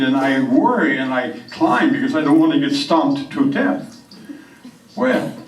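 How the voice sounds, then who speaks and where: A man playing a boastful backwoods moose caller with a French-Canadian accent and halting, simple broken English, telling comic tall tales. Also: on the high side. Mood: boastful, earnest. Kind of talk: comic character monologue on stage. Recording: echoey room, distant microphone.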